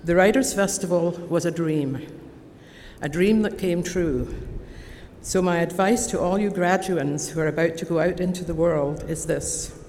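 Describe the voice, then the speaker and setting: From the podium of a large convocation hall, a lowish-voiced Scottish woman in her sixties with an Edinburgh accent gives her address as an honorary degree recipient. It is a formal, prepared ceremonial speech, delivered in a measured, deliberate and warmly earnest way. Long reverb and faint background noise fill the recording.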